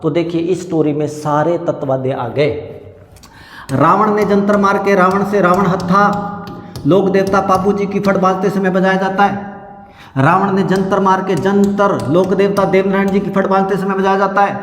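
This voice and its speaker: A man teaching an exam-prep lesson. He repeats a memory-trick story slowly and explains each word. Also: high voice, fairly even intonation. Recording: echoey room with long reverb.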